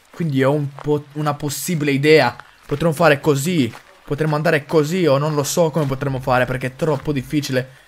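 A young man commenting on a horror game as he plays, excitable, with mild cursing and lots of talk to his viewers. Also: a little high. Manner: excitable, swears mildly, addresses viewers. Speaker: gaming video host.

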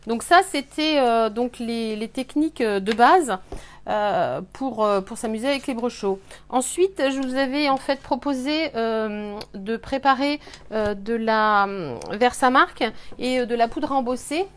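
A woman hosting a live scrapbooking workshop, explaining techniques with many pauses and fillers. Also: fairly high pitch. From France. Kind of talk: live craft demonstration. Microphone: webcam on a live stream.

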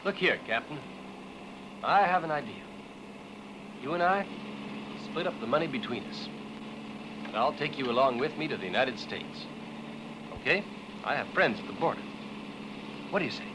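An actor dubbing a wisecracking American adventurer who talks in a joking, persuasive way. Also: male voice, fairly high pitch, animated, normal speed, long pauses, background noise, close to an everyday voice. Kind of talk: dubbed film acting.

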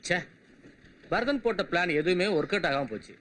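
A pushy, scheming uncle. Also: male voice, high-pitched, lively intonation, brisk, a bit bright, a little hiss or hum. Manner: commanding, pushy. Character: scheming grown man pushing to claim his niece. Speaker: dubbed film character. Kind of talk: dubbed film acting.

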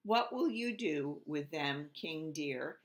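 A woman voicing a fussy little bird queen in a storybook, in a squeaky, fluttery voice. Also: animated, takes it slowly. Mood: curious.

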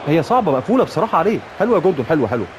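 A man with an Egyptian Arabic accent commentating his own football management game, cheering and shouting at his players. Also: fairly high pitch, very animated, rapid-fire, noisy background. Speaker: gaming YouTuber playing a football manager career mode. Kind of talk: live gameplay commentary.

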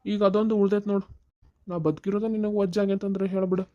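A woman's voice: mid-range voice, flat delivery, fast, mellow, dull audio, natural voice. Woman doing a sarcastic weary cartoon father-in-law. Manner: dry, sarcastic. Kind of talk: cartoon story dubbing.

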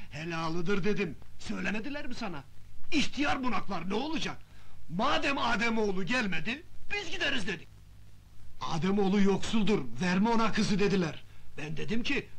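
A man's voice: sits high, vocal fry, a bit bright, heavily acted. A man playing an older village headman and father in a comedy film, pushy and fawning, making insistent appeals. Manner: wheedling, insistent, rapid appeals.

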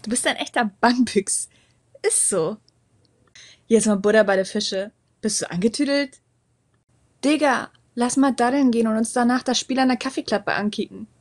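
A woman with a Hamburg accent reads relaxed, colloquial example sentences. Her voice sits slightly high. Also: moderate pace. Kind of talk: reading dialect example sentences.

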